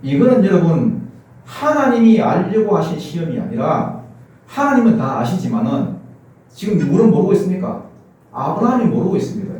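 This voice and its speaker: Echoey Gyeongsang-accented preacher, lively high pitch. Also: male voice. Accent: Gyeongsang Korean. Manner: preaching with rhetorical questions to the congregation. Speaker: pastor. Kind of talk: sermon. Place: church sanctuary. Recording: very echoey church hall, mic at a distance.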